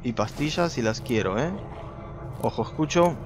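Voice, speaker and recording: A man giving let's play commentary, talking to viewers and shooting up in pitch when startled. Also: moderate pace, noisy background. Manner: excitable, talks to viewers, jumps high when startled. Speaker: gaming video host.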